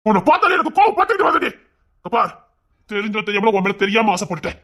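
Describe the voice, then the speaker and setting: A man's voice: high voice, steady tone, fast talker, a bit bright. An actor playing a hot-tempered young husband who scolds his wife harshly, in a serial-style drama. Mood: angry.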